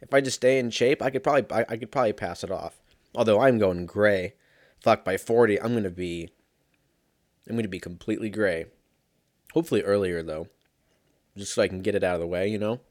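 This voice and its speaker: A man's voice: lowish voice, brisk, long pauses, darkish tone, no echo, clean studio sound. A man in his thirties hosting a casual solo podcast, sounding drained after a sick night, rambling with profanity and frequent laughter. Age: 30s. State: low energy after being sick. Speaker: podcast host.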